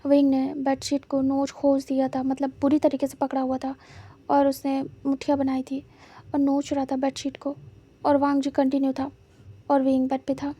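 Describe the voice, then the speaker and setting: A woman tells a fan fiction story in a high, mellow voice, moving through the scenes at a steady, even clip. Her pitch stays narrow and level, and she slips English words into her narration. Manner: plain, steady retelling mixed with English words.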